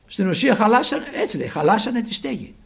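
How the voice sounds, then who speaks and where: A man preaching a sermon with fervour, his phrases often sinking to a hushed, low close. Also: sing-song, vocal fry.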